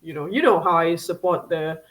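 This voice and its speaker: A woman's voice: lowish voice, normal speed, fairly bright tone, poor audio. A woman from Singapore, a guest chatting casually in an interview, with many fillers, restarts and laughs.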